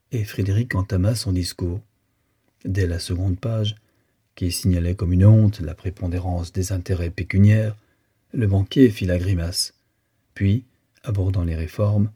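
A man reading a classic novel aloud as an audiobook narrator, in a measured, even manner. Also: low-pitched, breathy edge. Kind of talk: scripted literary narration.

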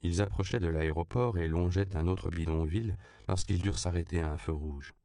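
A man narrates an audiobook in an even, measured reading. His voice is very low and gravelly with a rough fry. The recording is dry and close, with no room sound. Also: dry recording. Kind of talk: scripted narration.

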